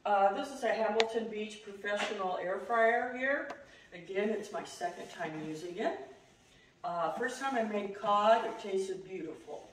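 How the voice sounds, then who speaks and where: A middle-aged woman chatting casually as she demonstrates a recipe at home, self-deprecating and quick to laugh. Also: medium pitch. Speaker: home cooking host. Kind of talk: casual cooking demo. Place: home kitchen, indoors. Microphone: far camera. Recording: roomy, distant, noisy.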